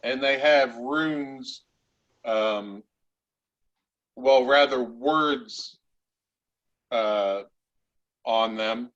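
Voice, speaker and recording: Slow, halting man running a tabletop game. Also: medium pitch, a bit bright, lo-fi sound. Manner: halting, with long pauses mid-sentence. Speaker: game master of a tabletop roleplaying game. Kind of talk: improvised tabletop game narration.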